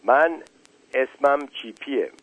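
A man voicing a curious, excitable young male chick in a storybook reading, calling out eagerly. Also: mid-range voice, breathy edge, dry recording, phone-quality sound. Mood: excited, curious. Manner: eager, exclaiming.

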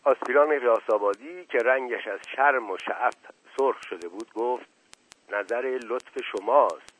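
A man narrating a novel in an even storytelling delivery. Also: medium pitch. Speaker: audiobook narrator. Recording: tinny lo-fi dry audio.

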